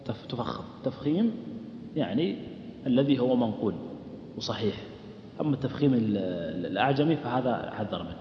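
A man's voice: mid-range voice, lively intonation, a little fast, long pauses, noisy background. A man teaching a lesson on recitation rules, often questioning his listeners and chanting short examples. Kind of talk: explaining a lesson to a class. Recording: echoey hall, dull lo-fi sound.

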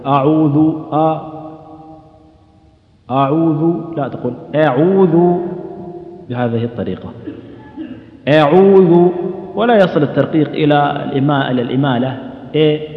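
A man teaching Quranic pronunciation, explaining the rules and demonstrating words aloud, some of them sung. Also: mid-range voice. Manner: explanatory, demonstrates words repeatedly, asks rhetorical questions. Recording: echoey, dull lo-fi hall recording.

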